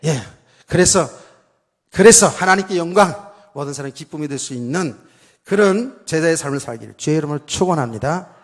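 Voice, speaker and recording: A man's voice: a little high, animated, brisk. A middle-aged male pastor preaching a conversational sermon, acting out quoted voices. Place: church sanctuary. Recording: long hall reverb.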